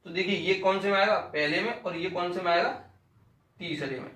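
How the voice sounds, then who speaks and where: A man's voice: high-pitched, brisk, fairly bright tone, reverberant. A man teaching an exam-prep grammar lesson, repeating sounds aloud and asking and answering his own questions.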